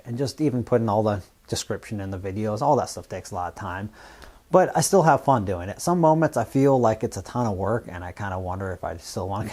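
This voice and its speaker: A man from the US Northwest who hosts a fabrication channel, talking casually and plainly to camera in a relaxed, rambling way. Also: on the low side. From Washington State, US Northwest. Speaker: YouTube fabrication channel host.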